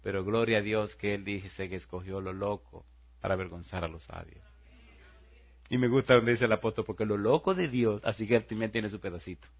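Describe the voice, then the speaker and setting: A man preaching a sermon as pastor. He tells stories quietly and then rises into loud rhetorical questions to the congregation. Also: on the low side, steady tone, brisk, lo-fi sound.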